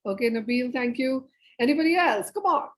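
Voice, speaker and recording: Brief: woman, theatre facilitator on a video call, lively and coaxing, slightly higher voice. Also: brisk, low-quality recording. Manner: lively, coaxing audience participation. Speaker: theatre educator and presenter. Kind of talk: interactive online workshop facilitation.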